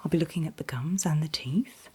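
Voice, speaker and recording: A woman doing a whispered role-play as a calm dentist, speaking in a breathy whisper with gentle, reassuring, unhurried instructions. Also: sits low. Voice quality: breathy, mostly unvoiced whisper. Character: calm, attentive dentist soothing a patient. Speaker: ASMR performer playing a dentist.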